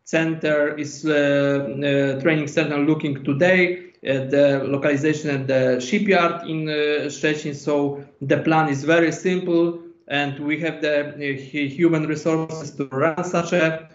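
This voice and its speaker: A man's voice: fairly high pitch, fairly even intonation, a little slow, hardly any pauses. A man giving a hesitant presentation in non-native English as a speaker on an online panel. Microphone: video call. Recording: echoey, dull video call audio.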